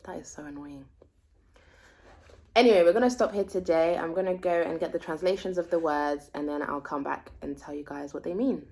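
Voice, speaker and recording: A woman's voice: deep voice, a little fast, gravelly, a little mellow. A woman reading a book aloud as language practice and translating it in a casual, chatty way with giggly asides.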